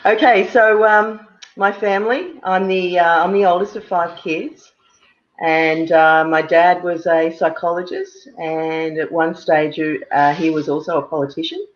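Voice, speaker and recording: Halting Australian woman on a video call. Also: on the low side, steady tone. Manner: halting, many fillers and repeated words. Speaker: guest. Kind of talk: casual interview chat. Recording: muffled lo-fi video-call audio.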